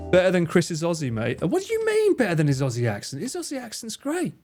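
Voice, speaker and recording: A streamer and cameraman with a high-sitting, darkish voice chats casually with viewers on a live stream. He's joking and theatrical and swears freely.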